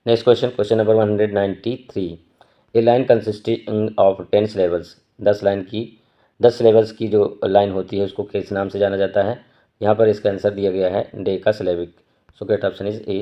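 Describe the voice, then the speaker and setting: A man teaching an exam prep lesson, reading each question slowly and then explaining it quickly. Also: fairly low pitch, muffled recording. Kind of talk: quiz walkthrough lesson.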